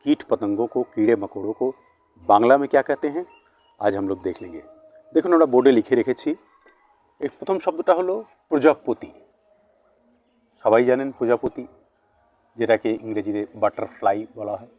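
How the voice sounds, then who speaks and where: A man teaching word lists at a board, switching between two languages and slowly repeating each word's pronunciation. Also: medium pitch, animated, a little mellow, lo-fi sound. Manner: slow, repeated pronunciation of words. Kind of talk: bilingual vocabulary lesson at a board.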